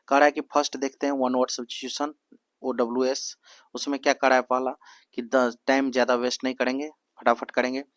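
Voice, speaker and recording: A young man leads a coaching lesson at an even middle pitch, asking "what is it called?" and repeating each answer in a drill. He reads the English prompts slowly, word by word. The sound is dry and close, with no room echo. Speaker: exam coaching teacher. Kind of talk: Hindi exam-prep lesson mixed with English.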